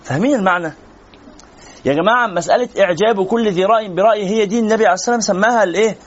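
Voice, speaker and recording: A man's voice: high voice, very fast, husky, muffled recording. A man with an Egyptian Arabic accent giving a religious lesson to a class, talking conversationally and answering students' questions. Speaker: sheikh teaching a religious lesson.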